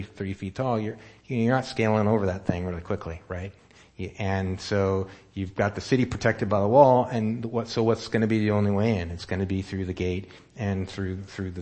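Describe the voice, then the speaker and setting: A man's voice: on the low side, a little mellow. A man preaching a sermon in a casual, conversational way, asking his listeners questions as he goes. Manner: conversational, asks the room questions. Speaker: pastor.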